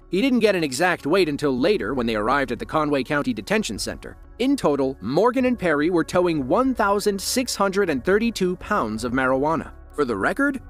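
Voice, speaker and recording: A man with an American accent reading scripted true-crime narration. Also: on the high side. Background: faint music.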